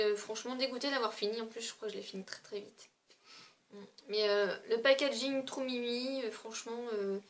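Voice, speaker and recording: A woman beauty vlogger in a casual review chat, her voice sitting a bit higher than most. She talks loosely and chattily, dropping in fillers and little hesitations as she goes, and there is a faint hiss under the recording. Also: fairly bright tone.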